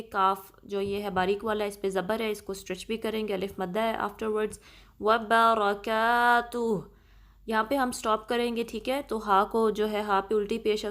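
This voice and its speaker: A woman with a Pakistani Urdu accent teaching Quran recitation in a slow, patient lesson, drawing out sounds and often checking "okay?". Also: mid-range voice. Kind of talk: slow explanatory tajweed lesson.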